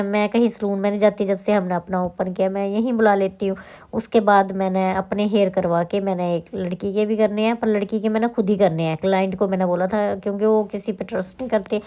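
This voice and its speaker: A salon owner and vlogger from Himachal Pradesh, India, narrates her day casually, chatting, rambling, and correcting herself, with a slightly sore throat. Her medium-pitched voice is mellow, with some vocal fry.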